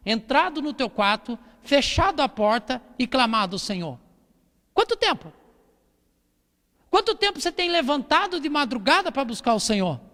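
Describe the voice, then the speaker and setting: A man with a Brazilian Portuguese accent preaches a sermon during a church service, reading from the Bible and exhorting his listeners with repetition and rhetorical questions. His voice is extremely high-pitched and sharp, and the church hall gives it a long reverb.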